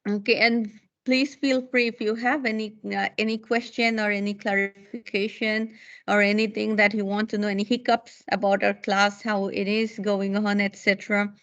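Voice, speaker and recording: A woman's voice: mid-range voice, flat delivery, normal speed, fairly bright tone, dull audio. A woman homeroom teacher talking with parents in an online meeting, polite and reassuring. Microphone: video call.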